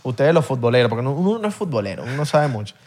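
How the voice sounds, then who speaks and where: A man hosting a casual podcast, chatty and quick to agree. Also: medium pitch, very animated, darkish tone.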